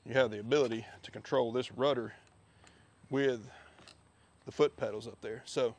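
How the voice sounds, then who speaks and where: A man giving a relaxed, chatty walkthrough of his gear outdoors, filmed on a head-mounted camera. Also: mid-range voice, normal speed. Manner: relaxed, chatty, with many fillers. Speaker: fishing video host. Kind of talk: casual product walkthrough. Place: backyard outdoors. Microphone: head-mounted action camera.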